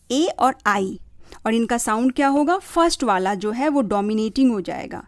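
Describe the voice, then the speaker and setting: A woman hosting a parenting channel, slowly and patiently explaining reading rules to parents and sounding out words. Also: on the high side, dry recording, clean studio sound. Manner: slow and patient, spelling out sounds. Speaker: parenting channel host teaching phonics.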